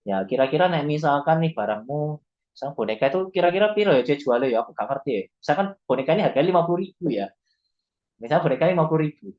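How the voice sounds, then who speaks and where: A man's voice: a little high, expressive, racing. A man leading a sales training class, talking conversationally and acting out sample dialogues. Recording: dull lo-fi recording.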